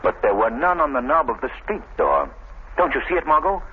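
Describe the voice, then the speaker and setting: An actor playing the Shadow, a commanding, urgent crime-fighting gentleman, in an intense 1930s radio drama style. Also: fairly high pitch, huge pitch swings, fairly quick. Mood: urgent, excited. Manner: intense, theatrical, insistent. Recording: scratchy, tinny 1930s radio recording.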